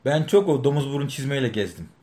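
A man's voice: medium pitch, lively intonation, quick pace, warm tone. Matter-of-fact middle-aged man chatting. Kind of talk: casual chat about music and fashion.

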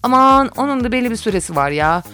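A woman's voice: fairly high pitch, lively intonation, fast, pushed and bright, soft background music. A woman in her forties chatting casually and gossipily on her own show, often dropping into whispered asides. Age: 40s.

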